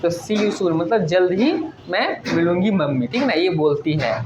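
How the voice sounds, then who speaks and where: A woman's voice: on the low side, expressive, moderate pace. A woman teacher explaining a poem to her class, often checking whether they follow and answering her own questions. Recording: echoey, dull lo-fi room recording with faint noise.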